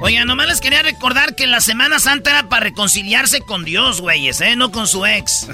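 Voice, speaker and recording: A man's voice: extremely high pitch, fairly quick, loud music behind the voice. A man with a Mexican Spanish accent telling jokes as a radio comedy host, switching into character voices. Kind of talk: joke-telling comedy show.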